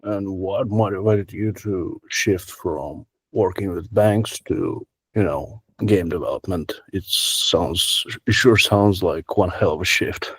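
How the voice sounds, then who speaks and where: A male interviewer asks his guest measured, plainspoken questions. His voice is a little husky and sits fairly low. The sound is dry and close, with no room echo.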